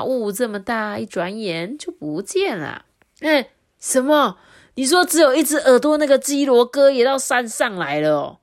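A woman's voice: high-pitched, voice pushed up. A woman voicing a bossy, menacing male wolf leader in a children's storybook.

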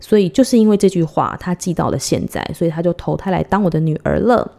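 Gravelly, mellow-voiced woman telling a story. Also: fairly low pitch, expressive. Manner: chatty, giggly, with drawn-out dramatic pauses. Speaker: podcast host. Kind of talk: personal storytelling.

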